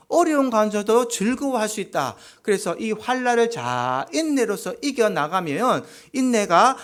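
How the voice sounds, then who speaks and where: Lively high-voiced pastor with a Gyeongsang accent. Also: male voice. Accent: Gyeongsang Korean. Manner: animated preaching that acts out quoted couples. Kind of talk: sermon.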